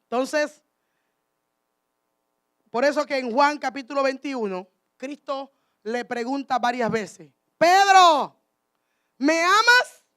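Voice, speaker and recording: A woman's voice: high voice, takes it slowly, long pauses. A woman preaching a sermon, speaking emphatically and calling out to her congregation.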